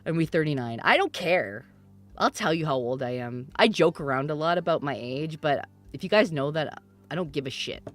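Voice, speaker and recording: A woman in her thirties hosting a live stream in casual chat. She teases her viewers, laughs often, and breaks into loud mock protests. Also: deep voice, expressive, fairly quick, faint music behind. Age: 30s. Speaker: streamer host.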